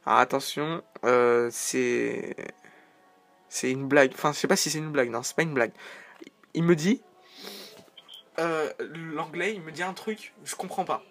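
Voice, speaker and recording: A man's voice: fairly high pitch, a little slow, pauses often, fairly bright tone. A man giving casual, joking commentary over a video game, rambling into side remarks. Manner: chatty, joking, rambling asides.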